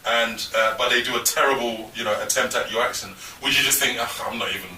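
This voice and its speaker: A man's voice: mid-range voice, fairly even intonation, brisk, noisy background. A man from Nigeria hosting a casual panel discussion, probing with questions and laughing easily. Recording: roomy, distant mic.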